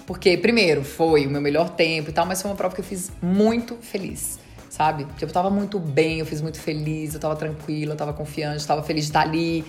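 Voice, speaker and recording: A woman guest on an interview podcast, casually recounting her story in a fast, chatty way and quoting past conversations. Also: deep voice, steady tone, a little mellow, faint music behind. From Brazil. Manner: fast, chatty retelling with quoted dialogue. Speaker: dentist and marathon runner.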